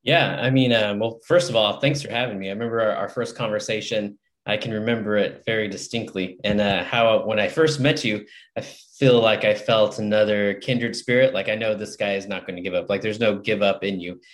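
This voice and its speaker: Male interview guest, slightly low pitch, conversational, earnest and motivational. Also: fairly even intonation, a little fast. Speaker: podcast guest, author and publisher. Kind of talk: casual interview chat.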